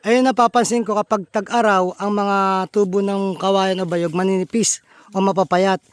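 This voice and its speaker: High-voiced man vlogging outdoors, dry sound. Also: flat delivery, moderate pace, smooth, no echo. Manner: friendly, chatty, addresses viewers as buddies. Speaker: vlogger host. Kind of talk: casual outdoor vlog explanation. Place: outdoors in a bamboo grove.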